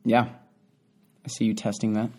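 A young man co-hosting a podcast, easygoing and quick to laugh, with a few stammers. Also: fairly low pitch, completely flat delivery, a little mellow. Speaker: podcast co-host. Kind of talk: casual chat.

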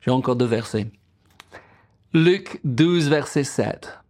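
A man's voice: medium pitch, expressive, slow, a little mellow. A middle-aged male pastor preaching a sermon, quoting scripture and asking the congregation questions.

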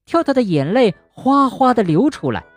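A woman narrating a children's bedtime story gently and expressively, speaking to a young listener. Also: a little high, big pitch swings, moderate pace, no room sound, faint music behind.

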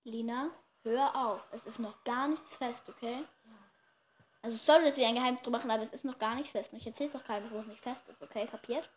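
A woman's voice: on the high side, fast talker, a little hiss or hum. A girl of about ten or eleven hosting a casual podcast with her younger sister, chatty and a bit bossy. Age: child, about 10 to 11. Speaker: podcast host. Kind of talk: casual kids' podcast chat.

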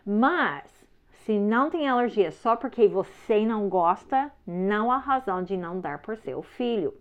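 A woman's voice: mid-range voice, expressive, measured pace. A woman teaching parents in a firm, simple way, often checking in with listeners. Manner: simple, slightly broken phrasing. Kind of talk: instructional talk. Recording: slightly dull lo-fi sound.

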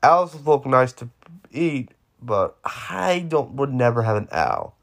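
A young man in his twenties talks through his own podcast alone, drifting from one offhand joke to the next. His voice has a gravelly, fried edge. His pitch rises and falls a lot as he rambles. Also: animated, slow pace. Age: 20s. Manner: rambling, offhand, jokey asides. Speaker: podcast host. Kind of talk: solo podcast monologue.

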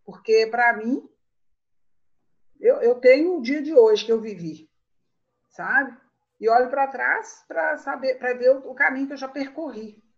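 Woman in her sixties, interview guest, animated storyteller who laughs often; dull lo-fi recording. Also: sits high, unhurried, pauses often. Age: 60s. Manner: warm reminiscing, laughs often. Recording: muffled lo-fi sound.

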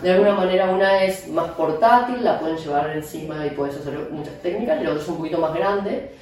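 Speaking with an Argentine accent, a woman neurologist explains her work in an interview, her answers full of fillers and restarts. She talks fast with lively intonation in a darkish, low-leaning voice, and the distant mic picks up an echoey room.

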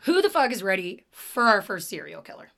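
Woman, raspy smoker's rasp, mid pitch, casual sweary podcast host. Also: very animated, fairly quick, pushed and bright. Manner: informal, sweary, jokey. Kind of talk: casual true-crime podcast chat.

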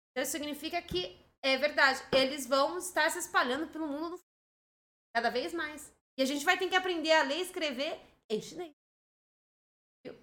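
Bright, high Brazilian woman, teasing. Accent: Brazilian Portuguese. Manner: animated and teasing, quick to scold. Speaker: livestream co-host. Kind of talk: casual livestream chat.

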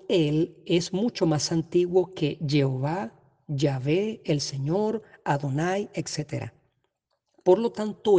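A Bible teacher giving an explanatory lesson at a measured pace, often hesitating and correcting themselves. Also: medium pitch, mellow, breathy edge. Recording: long reverb.

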